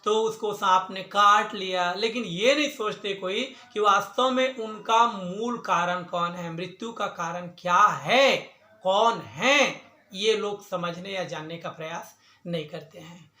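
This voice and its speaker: A man's voice: high voice, unhurried, sharp tone. A man, a pandit, telling a religious story in an emphatic discourse style. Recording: echoey room.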